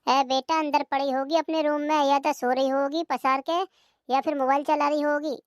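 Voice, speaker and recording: Cartoon old mother-in-law, plaintive grumbler, high voice, put on by a voice actor. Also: level tone, normal speed, no room sound, studio quality, close to an everyday voice. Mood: complaining. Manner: plaintive, self-pitying grumbling. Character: nagging older mother-in-law, weary and complaining. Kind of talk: cartoon comedy voice acting.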